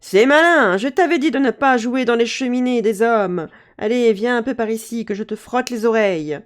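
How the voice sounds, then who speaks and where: A woman voicing the angry mother of the fairies, slow and booming. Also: fairly even intonation, clear, resonant tone.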